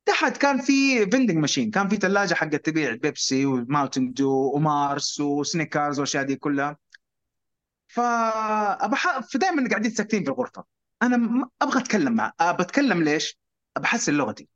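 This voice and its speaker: A man tells a story casually, acting out voices and mixing in English words. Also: fast talker. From Saudi Arabia. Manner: animated, acts out quoted voices with sharp pitch jumps; mixes English words into Arabic. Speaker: guest telling his story. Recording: dull lo-fi sound.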